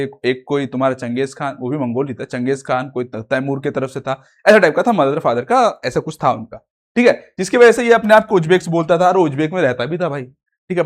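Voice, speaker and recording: A man's voice: high voice, a bit bright. A young man teaching a history lesson for exam prep, chatty, asking and answering his own questions and repeating "theek hai" often.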